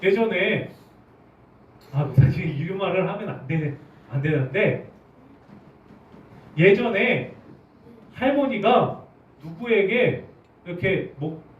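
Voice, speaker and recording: A man preaches to his congregation, his pitch swinging widely as he keeps putting questions to them. He sits a bit high for a man and is picked up from across a large, echoing church hall. The recording is muffled, with a faint murmur of room sound behind him. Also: slow, long pauses, a little hiss or hum. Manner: animated, asks the congregation questions. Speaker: pastor. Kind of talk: sermon. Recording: roomy, distant, dull church recording.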